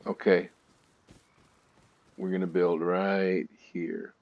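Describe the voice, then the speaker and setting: A man with a lowish voice narrating his gameplay in a chatty, storytelling way with nervous asides. The sound is dry and close, with a slightly dull, muffled top end. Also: level tone, slow pace, no echo. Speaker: gaming video host. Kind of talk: let's-play commentary.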